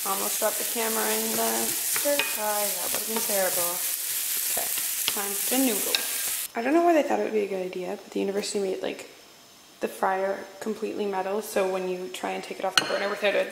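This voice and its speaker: Chatty young woman with vocal fry. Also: medium pitch, noisy background. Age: 20s. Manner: chatty, rambling with frequent ums. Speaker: vlogger. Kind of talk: casual vlog chat.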